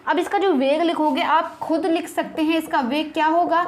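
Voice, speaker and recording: A young woman with a high voice teaches an online chemistry lesson. She works through each problem step by step. She keeps asking her students rhetorical questions and reassures them. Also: fairly even intonation, normal speed. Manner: addresses students as kids, reassuring.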